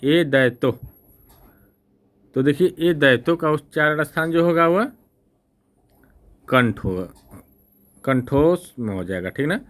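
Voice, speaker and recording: A male teacher giving an exam-prep lesson, explaining slowly and repeating himself, often checking "right?" with the class and correcting his own slips with an apology. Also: on the high side, animated, fairly bright tone. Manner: slow, repetitive explaining with frequent "ठीक ना?" checks.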